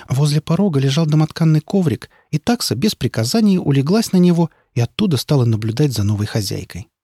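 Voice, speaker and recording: A man reading a children's story aloud with lively, expressive narration. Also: mid-range voice, husky, dry recording, studio quality.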